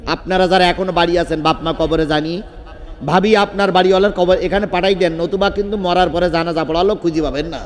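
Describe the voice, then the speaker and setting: A man with a high, ringing voice delivers a waz sermon into a microphone at an outdoor gathering. He tells stories with animated drive, shouts at the peaks and keeps questioning the crowd. The PA system leaves a long reverb trailing behind each phrase. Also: quick pace. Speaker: preacher.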